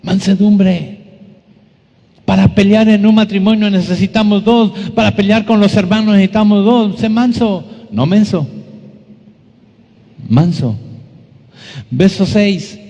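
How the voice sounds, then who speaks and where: High-voiced pastor preaching, reverberant. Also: male voice, warm tone, lo-fi sound. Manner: preaching with rhetorical questions and slow emphatic drops in pitch. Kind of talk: sermon. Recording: long reverb of a church hall.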